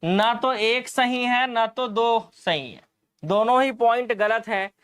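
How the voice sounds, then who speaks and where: A man's voice: very high voice, takes it slowly, fairly bright tone, smooth, dry recording, studio quality. A man teaching an exam-prep lesson, explaining answers, repeating key points and asking the class rhetorical questions.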